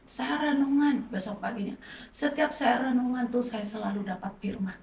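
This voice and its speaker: A woman's voice: fairly high pitch, moderate pace, gravelly, a little mellow. A middle-aged woman, a pastor's wife, giving an emotional personal testimony in a conversational way. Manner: conversational, acts out quoted dialogue. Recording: roomy, distant mic, faint noise.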